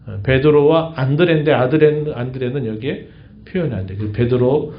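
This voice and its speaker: Korean pastor preaching in an echoey church. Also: male voice, mid-range voice, normal speed, a little hiss or hum. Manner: explanatory preaching, asks the congregation questions and answers them. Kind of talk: sermon. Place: church sanctuary. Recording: echoey church, dull lo-fi sound.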